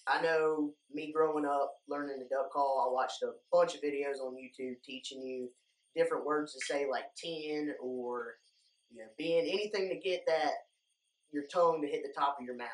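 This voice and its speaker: Young man, slightly high voice, informal instructor, casual how-to delivery, recorded at a distance. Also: moderate pace. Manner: informal, plain-spoken, addressing viewers as guys. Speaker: duck calling instructor, video host. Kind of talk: casual instructional talk to viewers. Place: indoor room lined with duck decoys. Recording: echoey room, distant microphone.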